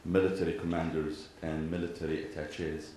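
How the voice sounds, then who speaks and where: With a bass voice and level tone, an imam from Iraq and Kuwait delivers a formal public address in Iraqi Arabic to a gathering indoors. His phrasing is deliberate, paused, and built on repeated parallel sentences, broken by frequent throat clearing. The large venue sounds very echoey, with faint background noise.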